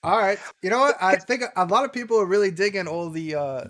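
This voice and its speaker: A laid-back male host keeps a casual live-stream chat moving with easy encouragement. His voice sits a little on the high side. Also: animated, fast talker, a bit bright.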